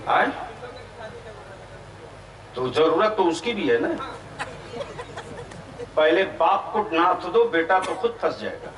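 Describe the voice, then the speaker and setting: A man preaching to an outdoor gathering, questioning the crowd and rising into shouts. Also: fairly high pitch, expressive, slow, pauses often. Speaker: Islamic preacher. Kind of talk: fiery sermon to an outdoor crowd. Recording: echoey distant PA sound.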